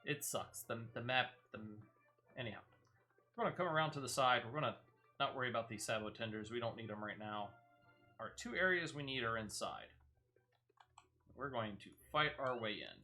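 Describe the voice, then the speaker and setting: Faint music plays behind a streamer whose mid-range voice is animated, pushed and bright, at a normal speed with frequent pauses. He explains his gameplay moves step by step and gives viewers casual tips.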